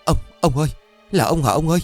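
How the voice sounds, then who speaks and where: Give me a man playing a grieving older widow with high, pleading cries, against soft background music. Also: lively intonation, fast. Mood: distraught. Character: distraught older widow, fearful and frantic.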